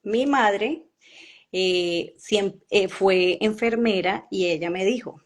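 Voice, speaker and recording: A woman with a Colombian accent giving an earnest, emotional personal testimony, halting with pauses and fillers. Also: mid-range voice.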